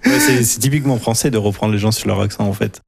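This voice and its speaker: A man, a guitarist and guest on a radio show, explaining his drum-machine programming with many pauses and fillers. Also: on the low side, wildly swooping pitch, creaky, a little mellow, husky. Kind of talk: casual radio interview.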